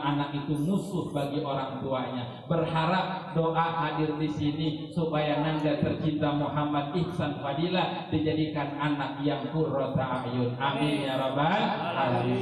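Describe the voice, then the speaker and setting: A man giving a humorous sermon at an akikah gathering, teasing the congregation with questions. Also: a little high. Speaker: preacher. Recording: echoey hall, mic heard from a distance.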